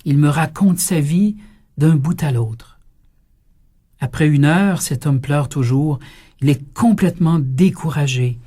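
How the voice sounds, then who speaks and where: Québécois priest telling a story. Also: male voice, on the high side, unhurried, slightly rough. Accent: Québécois French. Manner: lively storytelling, acting out quoted dialogue. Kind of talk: storytelling sermon.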